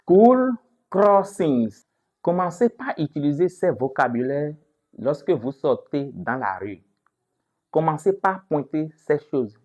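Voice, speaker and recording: A man's voice: a little high, expressive, unhurried, darkish tone. A man teaching a vocabulary lesson. He asks the class questions, answers them himself, and repeats each word several times so listeners can drill it. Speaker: English teacher.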